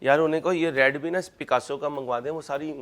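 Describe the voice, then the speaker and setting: Chatty guy teaching accounts, kinda high voice, cracks jokes at the class. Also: steady tone, fast, fairly bright tone. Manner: chatty, joking, addresses students as kids. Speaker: accounting lecturer. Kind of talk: classroom lecture with personal anecdotes.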